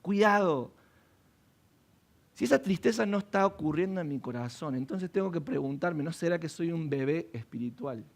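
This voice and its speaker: Pastor guy preaching a sermon, kinda high voice with a gravelly rasp, keeps asking the church questions. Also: expressive, normal speed. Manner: preaching with rhetorical questions to the congregation.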